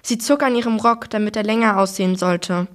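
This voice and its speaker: A woman reading a children's novel aloud in steady storytelling. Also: mid-range voice, brisk.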